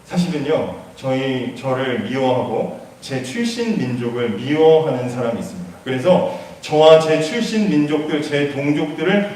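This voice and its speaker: Animated man preaching in an echoey room. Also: mid-range voice, moderate pace, few pauses, distant mic, a little hiss or hum. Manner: animated retelling that acts out the characters' lines. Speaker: pastor. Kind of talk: storytelling sermon.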